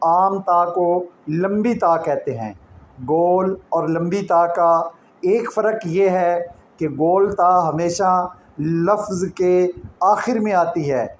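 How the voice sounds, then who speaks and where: A man with a Pakistani Urdu accent teaching Quranic Arabic script, explaining each point patiently with examples. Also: sits high. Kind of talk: slow explanatory lesson. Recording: echoey room with faint ambient noise.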